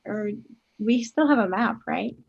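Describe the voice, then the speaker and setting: A woman takes part as a player in a casual tabletop game and keeps asking questions. Her voice sits at a middling pitch and comes through dull, lo-fi call audio. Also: measured pace, creaky. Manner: inquisitive, asks many questions.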